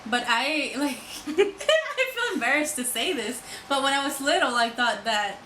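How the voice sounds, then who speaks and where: A woman's voice: high-pitched, big pitch swings, a little slow, pushed and bright, reverberant, slight background noise, low-quality recording. A woman from the Dominican Republic chatting casually on a vlog, giggly and rambling. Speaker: vlogger. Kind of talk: casual chat.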